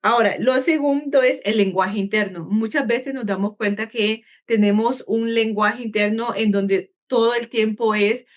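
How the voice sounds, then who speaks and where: A woman clinical psychologist giving calm, measured advice in an interview, slowing down and stretching words to show how to breathe. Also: on the high side. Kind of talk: calm explanatory interview talk.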